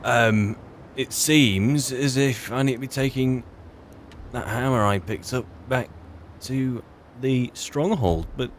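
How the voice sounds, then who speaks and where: In a mid-range voice at a slow pace, with slight background noise and light acting, this roleplaying game player and narrator voices a wry, grumbling fantasy adventurer. His improvised in-character gameplay commentary is hesitant, politely ironic musing to himself.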